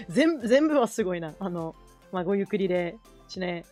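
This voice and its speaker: Kansai lady streaming and chatting, rambly, keeps fixing her words, mid pitch, soft music in back. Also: animated, normal speed. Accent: Kansai Japanese. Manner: rambling, self-correcting, mixing Japanese and English. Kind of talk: casual chat while drawing.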